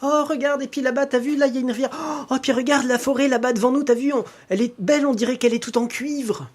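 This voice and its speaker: A man voicing a naive young village girl who exclaims in a high, breathless voice. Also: a little fast. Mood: marveling.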